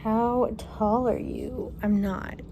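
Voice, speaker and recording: A woman's voice: fairly high pitch, takes it slowly. Chatty young woman on a noisy phone recording. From Kentucky. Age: 20s. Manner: relaxed, chatty, thinking aloud with fillers. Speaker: vlogger. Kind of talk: casual Q&A vlog. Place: her apartment, indoors. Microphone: phone camera.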